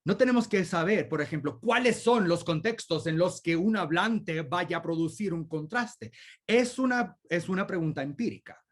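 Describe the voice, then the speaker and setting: A man's voice: high voice, expressive, moderate pace. Thoughtful man fielding questions after a talk. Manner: explains thoughtfully with many examples. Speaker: guest speaker answering questions. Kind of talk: academic Q&A discussion.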